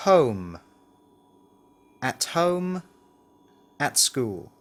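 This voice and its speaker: In a scripted language drill read aloud, a man carefully enunciates model words and sentences. He speaks extremely slowly in a mid-range voice with big pitch swings.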